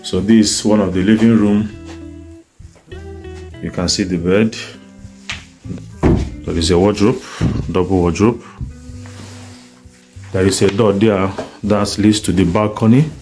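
Slow, deep-voiced man on phone video. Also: fairly even intonation, darkish tone, faint music behind, low-quality recording. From Nigeria. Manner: slow, halting, pointing things out. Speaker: tenant viewing a flat. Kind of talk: casual home tour on phone video. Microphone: phone camera.

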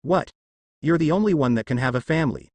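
A gloating male demon with a lively, swinging voice that taunts and mocks, as a male narrator plays him. His lines sound close and dry. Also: a little high, quick pace, dry recording. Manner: taunting, mocking.

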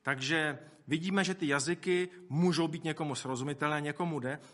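A man's voice: a little high, fairly bright tone. A man preaching a sermon in a conversational way, with asides to the congregation and acted-out quotes. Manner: acts out quoted speech.

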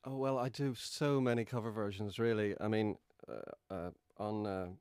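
A man's voice: fairly low pitch, steady tone, moderate pace, a little mellow, clean tone, no echo. A man being interviewed as a musician guest on a radio show, chatting in a wry, self-deprecating way from a radio studio.

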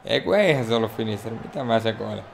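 A man from Finland giving excitable, self-mocking let's play commentary on a wrestling game, talking to the characters on screen. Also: lowish voice, gravelly, slight background noise. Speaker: gaming YouTuber.

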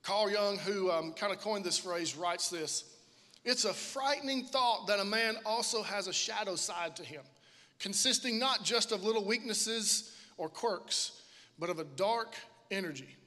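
A man's voice: sits high, measured pace, pushed and bright. A man in his thirties, a pastor preaching on stage into a handheld microphone in a large church auditorium, casual and joking, calling out to the congregation. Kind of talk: sermon. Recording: long hall reverb of a large auditorium.

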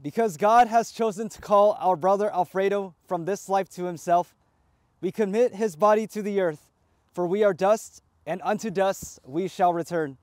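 High-voiced priest reciting funeral prayers. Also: male voice, no echo. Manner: measured liturgical recitation. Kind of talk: graveside funeral rite.

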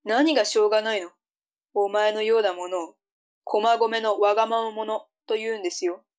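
A woman's voice: mid-range voice, fairly even intonation, normal speed, close to an everyday voice. A woman playing a strict, bossy mother in a tongue-twister audio drama. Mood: scolding.

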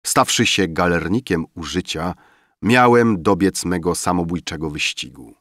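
A man reading a classic novel aloud as an audiobook narrator, measured and expressive. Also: deep voice, no room sound, clean studio sound. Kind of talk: scripted narration.

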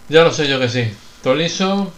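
Excitable young gamer. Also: male voice, on the high side, normal speed. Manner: swings from muttering to shouting at goals. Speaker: gaming youtuber. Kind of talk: excited let's-play commentary. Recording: faint background noise.

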